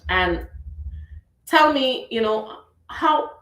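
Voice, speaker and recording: With a high, lively, fairly bright voice delivered extremely slowly, a woman from Trinidad hosts a relaxed radio talk segment in her Trinidadian accent. She's playful and talkative and laughs easily, though the sound is reverberant and poor.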